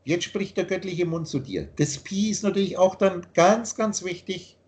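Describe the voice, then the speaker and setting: Guy with a highish voice lecturing over a video call, earnest, keeps repeating himself. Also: moderate pace, a little mellow. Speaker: teacher explaining his teaching. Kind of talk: explanatory monologue in a video call.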